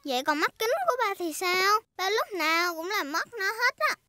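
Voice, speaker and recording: A woman's voice: very high-pitched, expressive, normal speed, bright, forceful tone, dry recording, studio quality, heavily acted. A woman voicing a cheerful, confident little girl piglet in a children's cartoon dub, chatty, with a southern Vietnamese accent. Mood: eager. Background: music.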